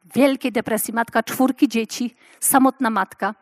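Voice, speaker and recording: High-voiced woman preaching passionately. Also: fairly even intonation, normal speed, no echo. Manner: passionate, swings from loud exclamations to hushed storytelling. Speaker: preacher at a women's meeting. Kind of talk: sermon.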